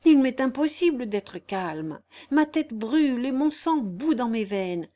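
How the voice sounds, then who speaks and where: A woman's voice: fairly high pitch, animated, a little slow, warm tone, voice pushed up. A woman reading the lines of an agitated young man in a storybook reading, passionate and tormented. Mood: feverish. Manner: feverish, intense.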